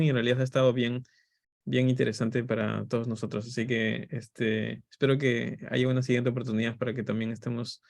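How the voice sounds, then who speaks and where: A Peruvian man speaks as a university teacher hosting a class. His voice is mid-pitched with plenty of vocal fry, and his delivery is that of an informal lecture. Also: darkish tone. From Peru.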